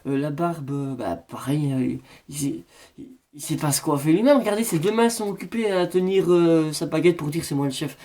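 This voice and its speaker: Guy playing a fake psychic, warm low-key voice, rambles along all solemn and silly. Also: normal speed. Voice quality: rambling, mock-solemn fortune-teller manner. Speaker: comedian. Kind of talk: parody horoscope reading.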